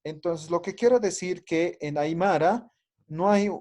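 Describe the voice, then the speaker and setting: A man's voice: high voice, measured pace, darkish tone. A man teaching a language class, patiently explaining and often checking that the students follow. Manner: patient, checks understanding with frequent tag questions. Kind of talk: classroom lesson.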